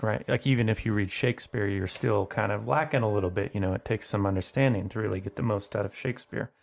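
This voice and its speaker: A man's voice: lowish voice, gravelly. A man narrating as game master, rambling and full of fillers.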